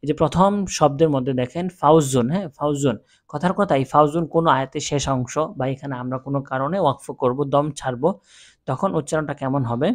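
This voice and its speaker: A man teaching Quran reading, spelling out letters and reciting words slowly and drawn out, and often checking in with the viewer. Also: medium pitch. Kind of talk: step-by-step recitation lesson.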